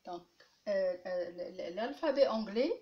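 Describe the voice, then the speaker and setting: A woman's voice: medium pitch, animated, unhurried, dull audio. A woman teacher giving a lesson, patiently repeating each letter and point many times. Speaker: language teacher. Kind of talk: classroom-style lesson.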